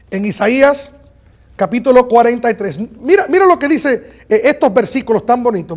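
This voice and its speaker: A man preaching a sermon as pastor, earnest and emphatic, repeating lines and slowing down on key phrases. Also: extremely high pitch.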